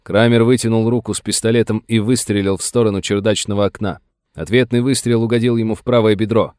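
A male audiobook narrator reading in a steady, dramatic storytelling voice. His voice is low. The recording is dry and close, with no room sound. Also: fast talker, smooth, dry recording.

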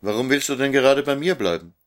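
A man voicing a calm, wise old man in a storybook reading, speaking tersely. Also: medium pitch, fast talker, pitched above the performer's own voice, lightly acted.

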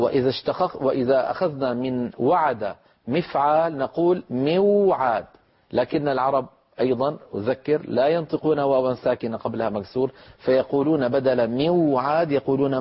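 Husky-voiced man teaching pronunciation. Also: mid-range voice. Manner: explanatory, asks rhetorical questions, stretches out example sounds slowly. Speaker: Quran recitation teacher. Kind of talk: lecture on letter pronunciation. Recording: dull lo-fi recording.

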